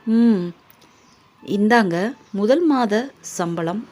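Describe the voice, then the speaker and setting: A woman voicing a young adult son who has just started working, speaking earnestly and quietly. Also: medium pitch, lively intonation, very slow, faint music behind.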